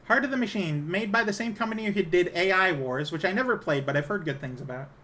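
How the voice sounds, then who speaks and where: Woman streamer, low-set feminine voice, casual live chat, halting delivery, self-conscious, apologetic. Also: expressive, fairly bright tone, slight background noise.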